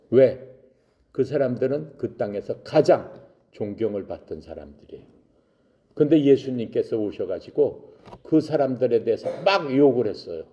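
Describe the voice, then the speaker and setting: A man's voice: on the low side, warm tone, dull audio. A man telling a Bible story to young people, asking questions and answering them himself. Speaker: Bible teacher for youth.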